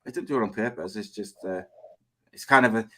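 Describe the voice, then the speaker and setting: A man's voice: on the low side, quick pace, fairly bright tone. A man with a Cardiff Welsh accent, chatting and bantering casually as host of a sports podcast. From Cardiff, Wales.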